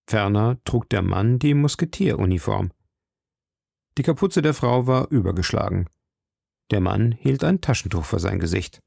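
A man reading a classic novel aloud as an audiobook narrator, steady and measured. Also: on the low side, creaky, slightly rough, no echo, studio quality. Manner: steady storytelling delivery. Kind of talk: scripted narration.

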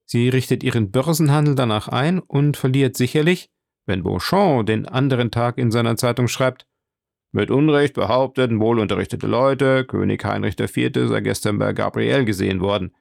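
A man's voice: medium pitch, moderate pace, creaky, a little mellow, no echo, studio quality, close to an everyday voice. A man voicing an earnest young vicomte in an audiobook, raising his voice to play him. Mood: eager. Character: young eager male vicomte.

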